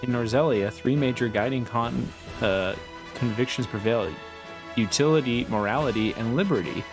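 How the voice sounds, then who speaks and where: A man commenting casually on a video game in a medium-pitched voice. He is jokey and irreverent, with faint game music behind him. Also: normal speed. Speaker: gamer playing on camera or stream. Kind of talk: casual joking gameplay commentary.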